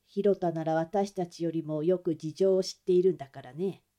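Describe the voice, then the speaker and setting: A woman voicing a calm middle-aged father who speaks low, soft and measured. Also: highs cut off, lightly acted.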